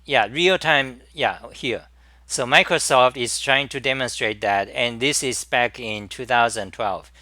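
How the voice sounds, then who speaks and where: Hosting a live-stream talk, a man with a Chinese accent speaks in halting bursts, restarting often and repeating words. His medium-pitched voice has a sharp tone, with no room sound.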